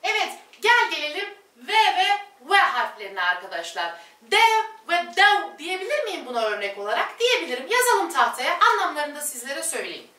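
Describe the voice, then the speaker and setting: A woman teaching a language lesson at a board, slowly repeating each word pair and addressing her viewers as friends. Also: sits high, very animated, pushed and bright, distant mic. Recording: echoey room, voice off-mic.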